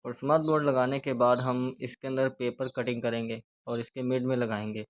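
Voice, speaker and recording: Working with his hands on a speaker repair, a mid-range-voiced man with a Pakistani Urdu accent walks through every step in a steady, repetitive way for his tutorial.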